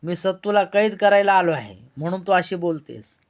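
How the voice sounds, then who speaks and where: A man's voice: high-pitched, expressive, moderate pace. A man reading as a stern young police officer. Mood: earnest.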